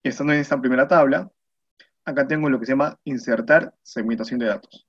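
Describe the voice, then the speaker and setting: A man's voice: mid-range voice, brisk, slightly rough. Peruvian man explaining spreadsheets step by step. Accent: Peruvian Spanish. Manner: patient step-by-step explaining, asks "¿no?" and "mira" often. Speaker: spreadsheet instructor. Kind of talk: screen-recorded software tutorial. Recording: muffled lo-fi voice recording.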